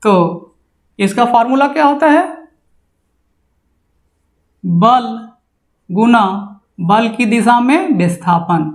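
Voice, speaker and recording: A man's voice: extremely high pitch, expressive, takes it slowly, pauses often. A male physics teacher lectures at a board. He keeps firing rhetorical questions at his students and answers them himself. His voice rings in an echoey classroom. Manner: drilling with constant rhetorical questions.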